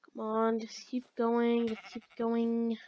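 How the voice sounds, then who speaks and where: Woman, high-pitched, let's play commentary, chatty, talks to the characters, dull lo-fi sound. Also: completely flat delivery, slow pace, warm tone, slight background noise. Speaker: gaming channel host.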